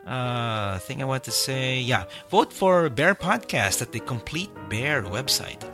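A man's voice: mid-range voice, animated, measured pace, over music. A man hosting a podcast, chatting casually and rambling with many fillers and restarts. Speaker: podcast host.

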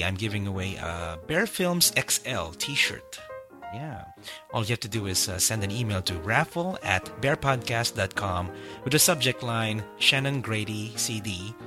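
A man's voice: fairly low pitch, expressive, moderate pace, over music. A man hosting a podcast, chatting casually and rambling with many fillers and restarts. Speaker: podcast host.

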